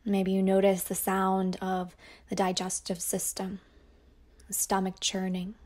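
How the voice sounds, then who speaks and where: A woman teacher leads a yoga nidra guided meditation in a slow, soft, monotone voice of medium pitch that often drops toward a whisper.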